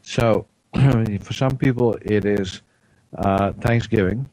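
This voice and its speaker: A man hosting a radio health show, talking in a loose, rambling way with lots of fillers and frequent throat clearing. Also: fairly low pitch, takes it slowly, a little mellow, no echo, poor audio. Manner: rambling, many fillers and restarts. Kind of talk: casual health talk on air. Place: radio studio.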